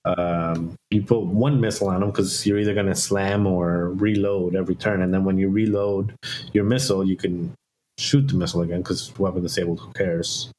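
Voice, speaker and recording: A man co-hosting a podcast, chatting casually and joking, with halting restarts. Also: sits low, fairly even intonation, darkish tone, a little hiss or hum, low-quality recording. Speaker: podcast co-host.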